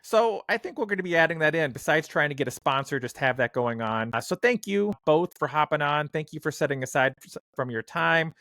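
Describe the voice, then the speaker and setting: A man's voice: a little high, expressive, a little fast, fairly bright tone, dry recording. A man hosting a podcast, chatting casually and rambling with lots of fillers and restarts. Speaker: podcast host.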